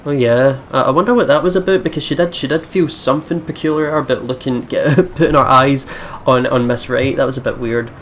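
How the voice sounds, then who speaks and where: A let's play host talks a little fast in a mid-range, somewhat bright voice, picked up by a desk mic with slight background noise. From his home computer setup he rambles casually about the game, swearing and using slang, and reads text aloud at times.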